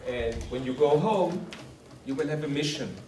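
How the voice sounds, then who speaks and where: Recorded from afar in a roomy hall and very noisy, this closing speech comes from a camp organizer whose voice is fairly high-pitched and paced normally. He addresses participants formally and encouragingly, repeating his phrasing.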